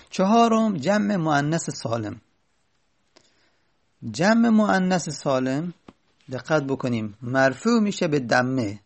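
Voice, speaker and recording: Gravelly man teaching grammar patiently. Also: fairly high pitch. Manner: patient, repeats key points with stress. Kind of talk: Arabic grammar lesson.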